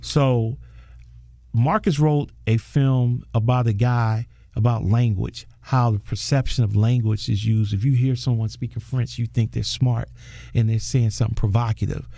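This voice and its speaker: A man's voice: mid-range voice, moderate pace, vocal fry, dry recording, clean studio sound. A man, a film director guest in a casual interview, telling a story with animation and laughing often. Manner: animated storyteller, acts out quoted voices.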